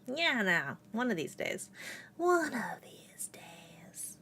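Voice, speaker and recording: Giggling often between rambling thoughts, this VTuber streamer chats casually from home with her cat on her lap, using many fillers. She's a young adult woman with a mid-range, sharp-toned voice that swings widely in pitch, speaking slowly over a slight hiss or hum.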